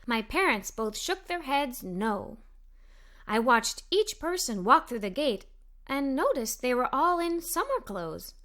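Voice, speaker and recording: Very animated and a little slow, a woman with a high, fairly bright voice reads a children's story aloud. She narrates expressively as a cheerful young girl in this scripted storytelling for kids.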